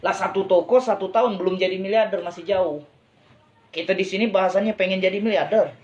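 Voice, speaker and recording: Speaking as a business motivational speaker, this man pitches his ideas to a live online crowd, often checking whether they agree and hammering phrases home through repetition. His high voice is a little mellow and brisk. The highs in the recording are cut off.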